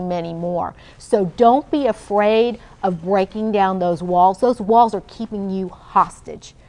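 Confident motivational woman on a panel. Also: medium pitch. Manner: confident, motivational, steady delivery. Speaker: panel guest. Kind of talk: panel discussion on a TV talk show. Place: TV studio set. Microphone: lapel mic.

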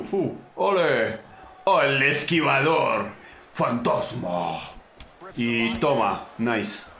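A young Colombian man commenting casually on his own fighting game, slangy and excitable, taunting his opponent and yelping at big moments. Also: medium pitch, echoey room. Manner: excitable, slangy, talks to the opponent, bursts into yelps. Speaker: gaming channel host.

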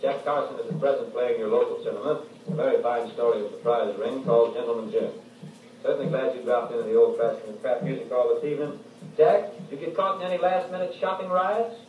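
A man's voice: mid-range voice, a little fast, distant mic, slight background noise. Easygoing male host on an old recording. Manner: easygoing, leads into gags. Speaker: radio show host. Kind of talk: 1940s radio variety banter. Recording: dull, echoey old broadcast recording from afar.

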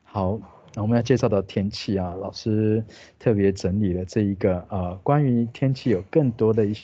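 A man with a Taiwanese Mandarin accent teaching an English grammar lesson, explaining patiently and repeating English words slowly. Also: lowish voice, warm tone, husky, dull audio.

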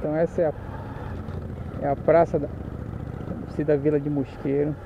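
A chatty man with a Paraense Brazilian accent, a little higher-pitched than most men, talks while riding a motorcycle through the streets. He jokes and corrects himself as he goes. The sound is muffled, with loud engine and traffic noise behind him. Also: level tone, normal speed, creaky. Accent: Paraense Brazilian Portuguese. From Pará, Brazil. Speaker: motorcycle vlogger. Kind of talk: casual chat while riding.

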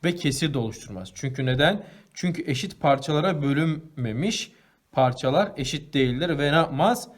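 Man, teacher, fairly high voice, primary school math lesson, asks and answers his own questions, drawing as he talks. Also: lively intonation, a little fast. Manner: asks the class questions and answers them himself; talks while drawing and coloring on the board.

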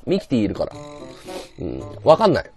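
A male livestreamer chatting casually with viewers, blunt and slangy. His pitch leaps up and down very expressively, and quiet music plays underneath. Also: huge pitch swings, fairly quick. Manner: blunt slangy banter, reads viewer comments.

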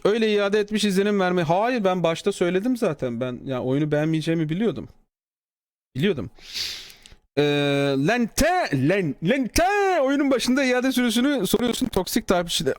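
A man live-streaming, reading out a developer's comment and answering it in a sarcastic, mocking way, his voice swinging from low mutters to high exclamations. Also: no room sound, clean studio sound. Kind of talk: casual live-stream talk.

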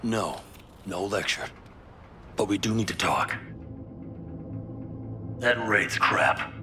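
A man voicing a stern older nomad clan leader in video game dialogue, terse and gruff, over game music. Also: lowish voice, slow, pushed and bright, a little hiss or hum. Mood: grave.

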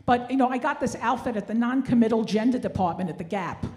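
A woman in her sixties performs stand-up in a somewhat high voice. She complains wryly and at her own expense, with a Yiddish-inflected turn to her delivery. It is a live stage recording on a handheld mic, with clear background noise. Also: quick pace, dark tone. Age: 60s. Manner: wry, self-deprecating complaining. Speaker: stand-up comedian. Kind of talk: stand-up comedy routine. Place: theatre stage, indoors. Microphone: handheld stage microphone.

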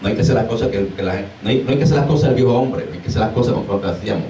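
A deliverance minister preaches informally to a small group, animatedly mimicking exclamations and laughing as he goes. His voice is fairly low and racing, with slight background noise, recorded far from the mic in an echoey room.

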